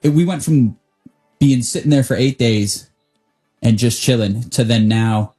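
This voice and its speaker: Mellow-voiced man rambling about hockey. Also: mid-range voice, a little slow, faint music behind. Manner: rambling, restarts mid-sentence. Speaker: podcast co-host. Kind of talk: casual sports chat.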